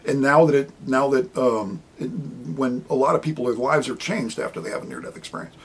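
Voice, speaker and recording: A man's voice: mid-range voice, brisk, a little hiss or hum, rough recording. A man, an author, talking about his book in a casual, rambling monologue to camera and acting out the people he quotes.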